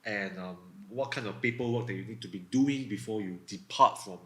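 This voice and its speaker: A Singaporean man hosting a casual podcast chat, his low voice carrying a bright, forceful edge. He talks with a Singaporean English accent and stops often for fillers and restarts. The sound is roomy and echoey. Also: brisk. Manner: hesitant, with many fillers and restarts. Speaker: podcast host.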